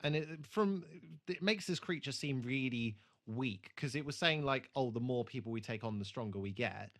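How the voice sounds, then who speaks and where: A podcast co-host chats casually while reviewing a TV episode, critiquing it bluntly and swearing plenty. His mid-range voice is a bit bright and moves at normal speed.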